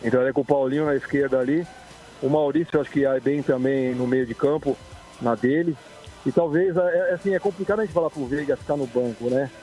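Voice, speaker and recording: A man's voice: medium pitch, fairly quick, dark tone, soft background music. A man calling in over a phone line who chats casually and hesitantly about football, often ending his phrases with a tag question. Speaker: caller.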